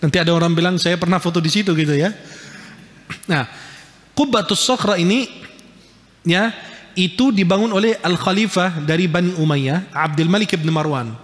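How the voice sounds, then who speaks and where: Lively preacher man in an echoing hall. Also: sits high, moderate pace, long pauses. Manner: lively, jokey, points at pictures. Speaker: Islamic preacher. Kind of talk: casual religious lecture.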